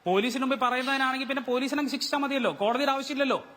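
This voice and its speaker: A man's voice: very high-pitched, racing, fairly bright tone, in a large hall. A man with a Malayali accent, a defence lawyer arguing hard in a TV debate, pressing his point with repeated rhetorical questions. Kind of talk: heated TV debate argument.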